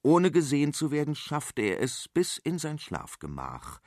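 A man reading a fairy tale aloud, expressive and lively. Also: on the high side, a little slow, vocal fry, no echo, studio quality. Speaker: narrator. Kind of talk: storybook reading.

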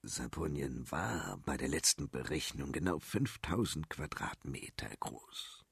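A man's voice: very deep voice, big pitch swings, measured pace, creaky, husky, no echo, clean studio sound, voice pushed down, full character voice. A man voicing a gloomy, dutiful royal minister in a children's radio story. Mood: subdued.

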